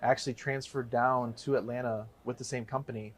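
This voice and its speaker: Here a Chicago-area real estate investor in his thirties is a guest, briskly recounting his story in a casual interview. His mid-range voice holds a steady tone, though he rambles and keeps correcting himself.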